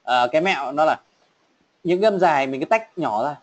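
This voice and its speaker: Man, online English teacher; drills each word slowly, asks if learners have it. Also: a little high, expressive, poor audio. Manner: repeats words slowly, coaching and checking. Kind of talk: online class drilling pronunciation.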